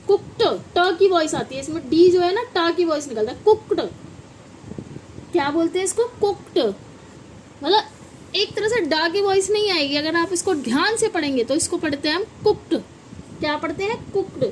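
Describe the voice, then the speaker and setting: High-voiced woman teaching pronunciation. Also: slight background noise, poor audio. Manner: repeats words and quizzes viewers with questions. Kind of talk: classroom-style lesson with repeated examples.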